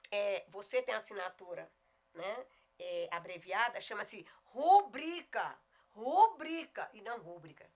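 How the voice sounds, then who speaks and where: A middle-aged woman with a Goiás Brazilian accent teaching a video lesson on spelling, emphatic and often slowing down to spell words out. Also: medium pitch, fairly bright tone. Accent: Goiás Brazilian Portuguese. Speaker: Portuguese teacher.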